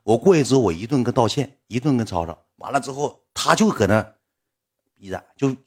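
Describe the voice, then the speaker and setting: A man's voice: mid-range voice, fairly quick, breathy edge. A young man with a Northeastern Chinese accent telling a story in casual spoken style, acting out the people in it. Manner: animated, acts out voices of people in the story.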